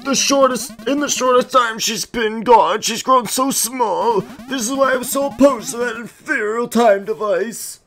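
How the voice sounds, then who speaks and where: A man putting on a fretful old steward with a thin, very high voice that has a bright edge. He talks slowly, in fussy and old-fashioned phrases. Faint game music plays behind him. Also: exaggerated voice. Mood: worried. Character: fretful elderly male royal steward. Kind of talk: let's play voice acting.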